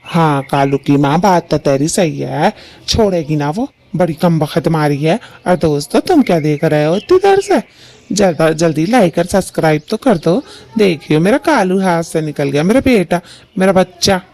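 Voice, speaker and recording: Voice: mid-range voice, animated, normal speed, darkish tone, close to an everyday voice. A performer doing an old grumbling bird father. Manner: complaining, rustic village speech.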